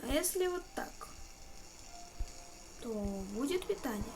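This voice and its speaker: Высокий женский голос, игровой комментарий. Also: female voice, very high voice, animated, a little slow, over music. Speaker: gaming video host. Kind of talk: casual horror game commentary. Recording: clearly noisy recording with game ambience.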